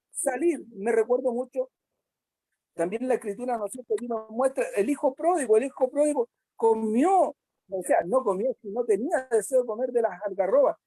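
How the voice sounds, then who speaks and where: Woman, church Bible lesson, fairly high voice, dry close sound, many tag questions. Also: warm tone, no echo, low-quality recording. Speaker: Sabbath school teacher.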